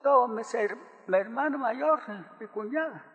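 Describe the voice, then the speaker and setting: An older man from Guatemala giving halting, soft-spoken testimony as a witness in court. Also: extremely high pitch, in a large hall.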